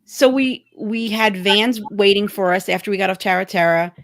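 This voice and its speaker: A woman hosting a podcast, casually recounting a trip with pauses and fillers. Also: medium pitch. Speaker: podcast host. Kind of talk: casual chat.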